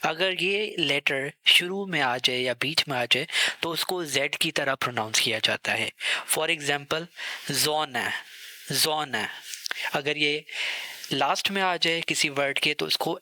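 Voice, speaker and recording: Slow, bright-voiced male language teacher. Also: on the high side, no echo, poor audio. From South Asia. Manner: slow, clear, drills each sound twice. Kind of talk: slow beginner lesson, repeating each word.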